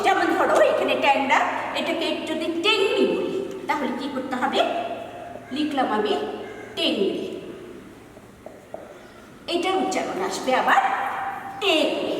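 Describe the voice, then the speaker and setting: Woman, teacher, patient explaining, long reverb, faint background hiss. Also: sits high. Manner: slow, patient explaining with repeated words and questions to students. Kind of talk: online Bengali grammar lesson. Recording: echoey room, voice from far off, faint noise.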